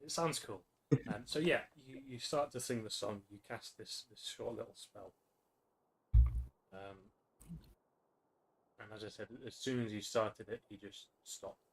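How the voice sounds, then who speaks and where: A man's voice: lowish voice, fairly even intonation, measured pace, vocal fry, pauses often, fairly bright tone, slight background noise, rough recording. Man narrating as a tabletop game master.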